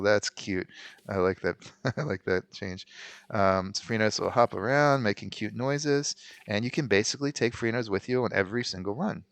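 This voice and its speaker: A man in his thirties giving casual gameplay commentary, slightly hoarse with a low growl, chatty and full of ums and restarts. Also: fairly bright tone, no room sound. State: voice going hoarse. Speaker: let's play host.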